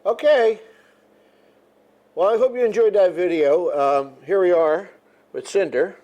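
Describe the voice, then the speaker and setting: A man's voice: high voice, expressive, moderate pace, mellow, highs cut off. An older man, a machinist, explaining step by step in a plainspoken, casual way. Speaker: machinist demonstrating his lathe. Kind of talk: casual shop demonstration. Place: indoor home machine shop. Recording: noisy machine shop background. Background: running machinery noise.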